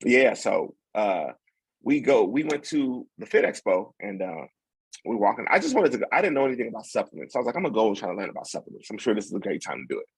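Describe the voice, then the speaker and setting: A young man, a podcast guest, telling a story in a relaxed, rambling way with plenty of fillers and restarts. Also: on the low side, fast, vocal fry, breathy edge, no room sound, poor audio. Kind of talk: casual storytelling.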